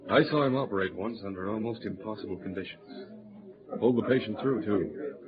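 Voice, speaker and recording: An actor playing a shrewd, authoritative Mounted Police sergeant in old radio drama, speaking in a measured, clipped way. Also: male voice, fairly low pitch, close to an everyday voice. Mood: genial. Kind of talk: 1940s-50s radio drama acting. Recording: dull old radio recording, background crowd.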